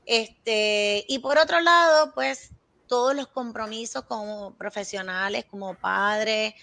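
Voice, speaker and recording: A woman's voice: fairly high pitch, slow, creaky, pushed and bright, dry recording. A Puerto Rican woman, a child psychiatrist, explaining in a casual interview and illustrating her points with everyday stories. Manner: explains with everyday anecdotes and acted quotes.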